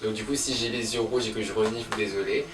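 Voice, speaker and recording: Talking fast over a noisy background, a young man with a stuffy head cold gives a relaxed makeup tutorial as a vlogger. His lowish voice keeps a steady tone, though his delivery is hesitant and packed with fillers.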